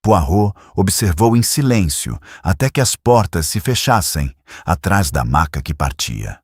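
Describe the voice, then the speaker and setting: A man narrating a detective audiobook in a steady storytelling manner. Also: low-pitched, unhurried, slightly rough, dry recording, clean studio sound.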